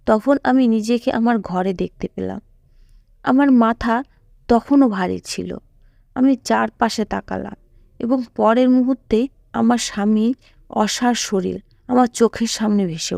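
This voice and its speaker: A woman's voice: on the high side, unhurried, vocal fry, a little mellow, no room sound, clean studio sound. A woman narrating a sorrowful first-person story.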